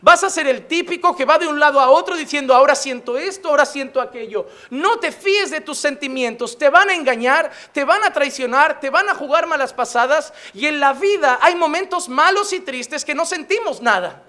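A man delivers a sermon as a pastor. His voice sits very high and sounds bright and forceful. He drives his points with emphatic repetition and flashes of humor. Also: expressive, normal speed, few pauses.

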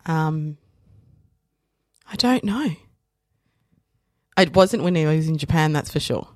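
A deep female voice, slow-paced, recorded in studio quality with no room sound. She grew up in Australia after being born in South Africa, and as a podcast guest she tells stories conversationally, correcting herself, using fillers, and acting out what others said.

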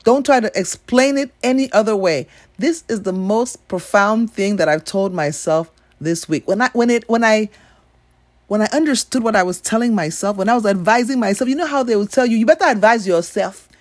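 A woman's voice: medium pitch, fairly quick, dry recording. A woman from Nigeria giving a blunt, emphatic opinion monologue with free swearing.

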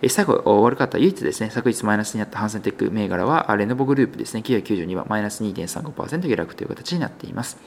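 A man's voice: on the low side, expressive, very fast, few pauses, slight background noise. A male business news host talking through market figures in a conversational, unscripted way, with many filler sounds and hesitations. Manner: conversational, polite sign-off.

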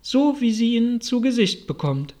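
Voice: medium pitch, lively intonation, unhurried, natural voice. A reader voicing Alice, a curious, polite young girl, in an audiobook. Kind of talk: audiobook reading.

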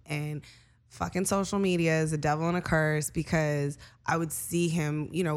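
A woman guest on a podcast, telling a candid personal story in casual chat, full of "like" and the odd curse word. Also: lowish voice. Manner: candid storytelling, lots of filler "like", casual profanity.

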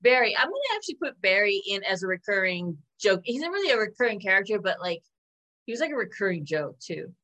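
Woman podcast cohost, bright voice, casual chat, rattling off a list. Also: mid-range voice, very animated. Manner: quick list-reading with fillers. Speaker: podcast co-host.

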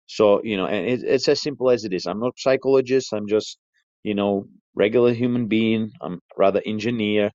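A man giving his informal opinion as a voicemail caller, in halting, hedged phrases. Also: lowish voice, a little mellow, no echo. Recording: dry, dull lo-fi sound.

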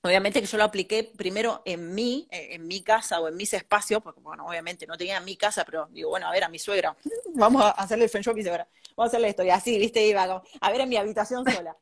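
A woman's voice: medium pitch, quick pace, hardly any pauses. A young woman with an Argentine accent, a guest architect chatting casually and rambling, laughing often. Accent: Argentine Spanish. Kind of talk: casual interview chat.

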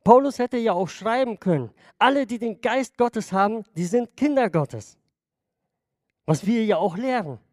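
A man's voice: high-pitched, animated, unhurried, a little mellow, no room sound, studio quality. A man preaching a sermon to his congregation in a conversational way, often checking in with them. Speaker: pastor.

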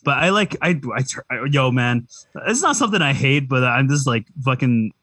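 A man's voice: medium pitch, lively intonation, moderate pace, fairly bright tone, no room sound. A young man from Vancouver chatting casually, laid-back and swearing a lot. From Vancouver, Canada. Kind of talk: casual chat.

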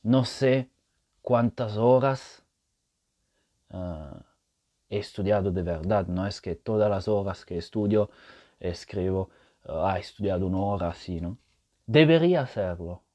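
Speaking Spanish as a learned language, this male podcast host works through his point patiently on a casual solo show, frequently checking in with listeners. He has a low, mellow voice and a measured pace with frequent pauses.

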